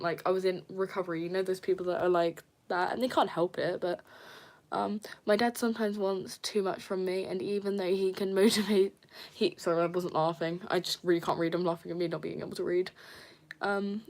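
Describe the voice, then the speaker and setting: A young woman chatting casually on a live stream, soft and hesitant, with many fillers and nervous giggles. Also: medium pitch. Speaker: livestreamer reading viewer comments.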